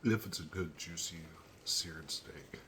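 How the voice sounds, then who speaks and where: A man reviewing a hot pepper on his own channel, talking slowly and thinking aloud between pauses while teary and sniffly from the heat. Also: low voice, sharp tone, a little hiss or hum. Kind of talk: casual solo tasting review.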